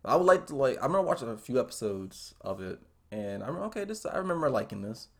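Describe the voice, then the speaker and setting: Young man, American accent, raspy with vocal fry, casual podcast chat, earnest, hesitant phrasing. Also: medium pitch, very animated, quick pace. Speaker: podcast host. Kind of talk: casual chat about anime.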